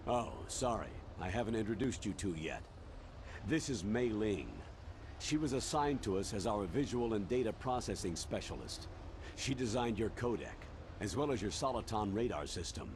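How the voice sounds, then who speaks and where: A video game colonel. He briefs with earnest military authority in a fairly low voice. The background is clearly noisy. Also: animated, normal speed. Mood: courteous.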